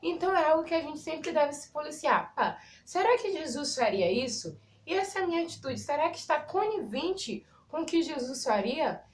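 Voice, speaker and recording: A young woman at home giving a chatty, animated talk for a casual devotional vlog. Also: high voice, normal speed, few pauses, reverberant, a little hiss or hum. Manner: chatty, animated, laughs at herself. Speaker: vlogger. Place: at home, pet bird chirping nearby.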